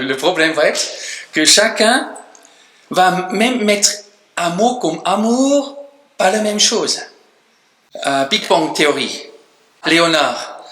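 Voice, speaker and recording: A man preaching a sermon as pastor, emphatic, his voice dropping low and soft at the ends of phrases. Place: church hall. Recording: echoey church room.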